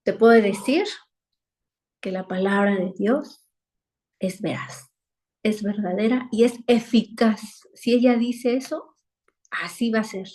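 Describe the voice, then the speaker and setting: Woman Bible teacher on a video call, earnest and repetitive, mid-pitched voice. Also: takes it slowly, long pauses, darkish tone. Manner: earnest, repeats phrases for emphasis. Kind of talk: weekly online Bible lesson.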